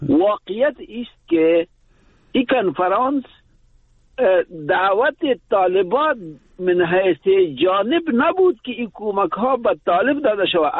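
A man with an Afghan Dari accent, a guest in a radio interview, answering in a halting way with many hesitations over a phone call. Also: high voice, no echo. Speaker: guest analyst. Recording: tinny phone line.

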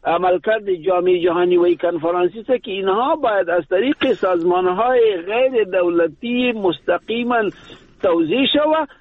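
A man's voice: high-pitched, dry recording. Man with an Afghan Dari accent on a tinny phone line. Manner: halting, many hesitations. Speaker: guest analyst. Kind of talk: radio interview answer. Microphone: phone call.

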